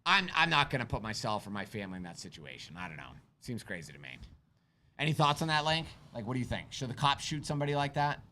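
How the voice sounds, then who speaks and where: A man's voice: mid-range voice, sing-song, quick pace, pushed and bright, a little hiss or hum. A man who teaches firearms, hosting a casual live stream, telling stories animatedly, asking rhetorical questions and chatting with his kids. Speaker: firearms instructor and livestream host. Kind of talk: live-stream chat answering viewer questions.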